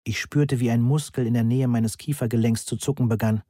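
A man reading a first-person story aloud in a measured, deadpan manner, close to the mic. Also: medium pitch, no echo. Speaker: audiobook narrator. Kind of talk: first-person scripted narration.

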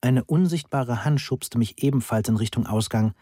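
Husky dry-voiced male audiobook narrator. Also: mid-range voice, normal speed, dark tone, no room sound. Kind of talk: first-person audiobook narration.

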